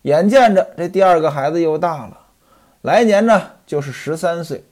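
A man's voice: on the high side, expressive, moderate pace, darkish tone. A man voicing a poor, wheedling hanger-on, grumbling. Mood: complaining. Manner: plaintive, complaining, pleading. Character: poor wheedling middle-aged male hanger-on. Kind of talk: storyteller's acted dialogue.

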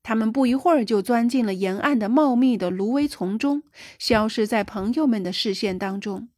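Female audiobook narrator, fairly high voice, dry close recording, livens up for dialogue. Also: normal speed, darkish tone, no room sound. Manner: raises pitch and volume for quoted dialogue. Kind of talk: scripted narration.

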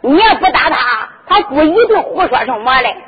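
A woman's voice: high-pitched, very animated, normal speed, very noisy. A woman playing a proud scolding noble lady. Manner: sharp, scolding. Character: proud hot-tempered young noble lady. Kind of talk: traditional sung storytelling with dialogue. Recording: dull lo-fi with music behind.

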